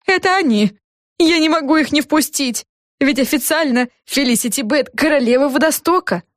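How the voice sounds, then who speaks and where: A woman putting on a fretful, motherly café owner in a storybook reading. She talks in a raised, hurried fluster, and the sound stays dry and close. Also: high-pitched, expressive, dry recording, pitched above the performer's own voice.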